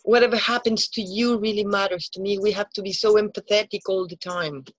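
A woman's voice: medium pitch, fairly even intonation, fairly quick, dry recording. A native Spanish-speaking woman with a Spanish accent talks earnestly and emotionally, repeating herself and searching for English words as if translating in her head. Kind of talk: heartfelt conversation.

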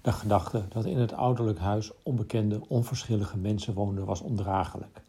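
A man reading a literary short story aloud in a calm, measured narration. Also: fairly low pitch.

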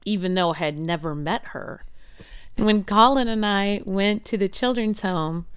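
A woman's voice: medium pitch, normal speed, clear, resonant tone, no room sound, studio quality. A woman in her forties telling an emotional personal story about her family. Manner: earnest, emotional, acts out quoted voices. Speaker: interviewee, mother.

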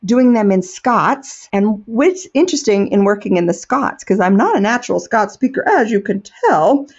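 A woman's voice: medium pitch, lively intonation, moderate pace, breathy edge, highs cut off. A middle-aged American woman, an educator and storyteller, answering interview questions in an earnest, enthusiastic way.

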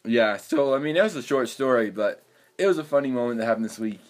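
A man's voice: mid-range voice, lively intonation, fast talker. Young guy cohosting a podcast, chill, cracks jokes. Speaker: podcast co-host. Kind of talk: casual chat.

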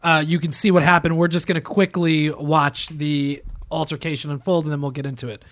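A male podcast host with a notably high voice, talking in an upbeat, animated way. He keeps a casual chatty tone while steering the conversation. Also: brisk. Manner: upbeat, animated promo delivery.

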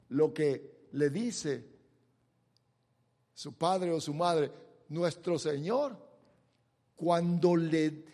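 A man preaching a sermon, swinging from quiet asides to loud, forceful declarations. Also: high-pitched, slightly rough, in a large hall. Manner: dramatic swings from soft to shouted.

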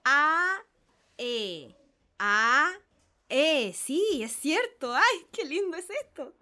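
A woman playing a naive middle-aged gentleman who gushes with wonder as he repeats his lessons, in a dramatic reading. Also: very high-pitched, sing-song, unhurried, exaggerated voice. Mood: awed, eager. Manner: gushing, repeats sounds with wonder. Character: naive middle-aged male social climber, eager. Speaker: reader playing a pupil.

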